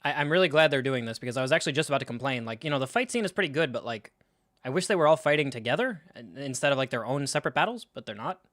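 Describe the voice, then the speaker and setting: A man's voice: mid-range voice, animated, rapid-fire, fairly bright tone, slight background noise. A young man streaming a live film reaction and ranting about it with sarcastic, profane disbelief. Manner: sarcastic, profane, incredulous rants.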